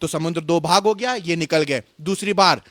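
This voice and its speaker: A male pastor preaching a sermon, telling stories with lively acted dialogue and reading scripture aloud. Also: fairly high pitch, normal speed, no room sound, clean studio sound. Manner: animated storytelling preacher, voices animals and God in dialogue. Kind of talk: Hindi sermon.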